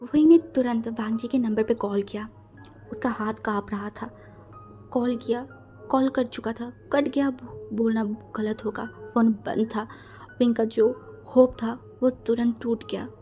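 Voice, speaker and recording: A woman's voice: fairly high pitch, fairly even intonation, a little slow, soft background music. A woman narrating a fan fiction story, acting out the quarrels with strong emotion. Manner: emotional, voices quarrels loudly.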